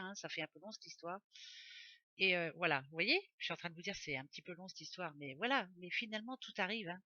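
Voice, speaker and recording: A woman's voice: lowish voice, pushed and bright, no room sound, lo-fi sound. A woman doing a casual oracle card reading for her viewers, chatty and rambling, often correcting herself aloud. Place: home office.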